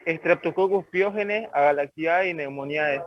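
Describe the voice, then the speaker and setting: A man medical student on a video call, answering quickly and correcting himself. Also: fairly high pitch, no room sound, highs cut off.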